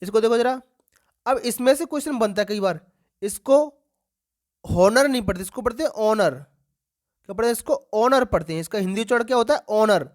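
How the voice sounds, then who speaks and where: A woman's voice: a little high, fairly quick, darkish tone. A woman teaching an exam-prep grammar lesson to students, asking questions and answering them herself and repeating key words for emphasis.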